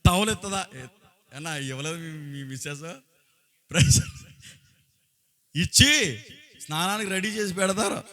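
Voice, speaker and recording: A man's voice: high-pitched, lively intonation, normal speed, long pauses, bright, forceful tone. A man from Andhra Pradesh preaching as a pastor, exhorting the congregation with rhetorical questions in a colloquial way. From Andhra Pradesh, India. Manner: exhorting, often breaking into short acted quotes and raising his voice. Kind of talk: sermon.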